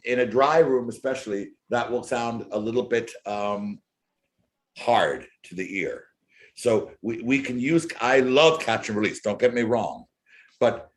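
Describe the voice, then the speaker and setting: A man teaching a violin masterclass, earnest and emphatic, often repeating his key words. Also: medium pitch. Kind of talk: masterclass coaching. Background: faint violin playing.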